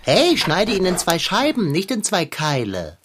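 A woman voicing a greedy, grumpy male tomcat who complains theatrically and has a husky voice in a children's radio play. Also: lowish voice, wildly swooping pitch, measured pace, a little hiss or hum. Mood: stubborn.

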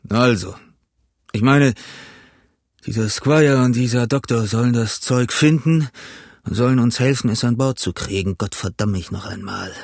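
A man voicing a cunning older pirate cook who talks in a gruff, blustering, lecturing way, in an audiobook reading. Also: medium pitch, normal speed, darkish tone, dry recording, clean studio sound.

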